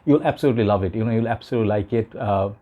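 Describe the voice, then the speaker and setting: A man's voice: on the low side, rapid-fire, dark tone. A man giving a casual, rambling vlog review, his voice weakened and ghostly as it recovers from illness. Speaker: fragrance reviewer.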